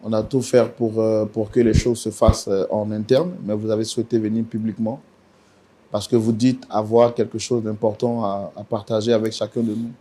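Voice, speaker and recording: A man hosting a studio talk show, speaking formally with measured pauses. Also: on the low side, flat delivery, mellow. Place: TV studio set.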